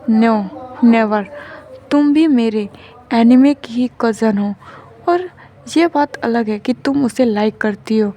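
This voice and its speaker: A woman's voice: on the high side, mellow. A woman voicing a possessive, scheming young man who threatens and plots in a storybook narration. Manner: menacing, scheming.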